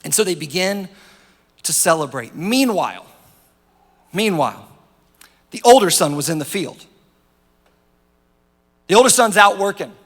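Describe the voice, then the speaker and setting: Animated high-voiced male pastor. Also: unhurried, long pauses. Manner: animated storytelling, acting out the parable. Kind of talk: sermon. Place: church auditorium. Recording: church hall reverb, faint music behind.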